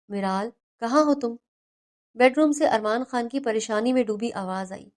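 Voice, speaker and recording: A woman narrating a romance novel in a steady storybook reading. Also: medium pitch. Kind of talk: scripted narration.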